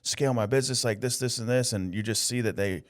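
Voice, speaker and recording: A man's voice: mid-range voice, fast talker, no room sound, clean studio sound. A man in his late thirties hosting a podcast, talking in a laid-back, casual way with slang. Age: 30s. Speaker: podcast host. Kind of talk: casual conversational interview.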